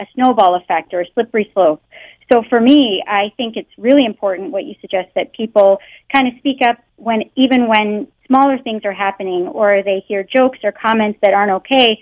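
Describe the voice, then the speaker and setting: Her voice sits on the high side with no echo as this Canadian woman, a guest researcher, earnestly answers questions in a phone interview. The telephone line sounds muffled, and she leans on "you know" and "um" in Canadian-accented English.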